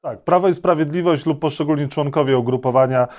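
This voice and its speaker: A man's voice: fairly high pitch, fast, a little mellow. A man hosting a political interview, putting questions persistently. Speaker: interview host, journalist.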